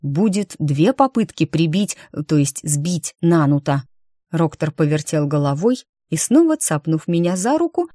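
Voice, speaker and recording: Woman reading an audiobook, low voice, measured, dry close sound. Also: warm tone, no echo. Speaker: audiobook narrator. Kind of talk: scripted first-person narration.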